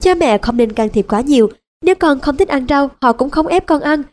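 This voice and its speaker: Mellow, higher-voiced woman narrating. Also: animated, fairly quick. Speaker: audiobook narrator. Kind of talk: scripted narration.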